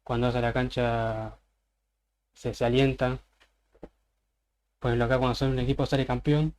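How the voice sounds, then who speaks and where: A man's voice: medium pitch, darkish tone. A man with an Argentine accent giving an informal presentation, casually explaining slang word by word with examples. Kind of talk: informal presentation on a voice chat server.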